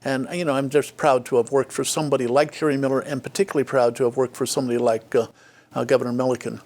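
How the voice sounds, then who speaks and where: A man's voice: medium pitch, steady tone, quick pace, a little mellow. An older man telling stories from his career in a reflective interview, with many restarts. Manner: frequent fillers and restarts, acts out quoted dialogue. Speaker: interview guest, former state official.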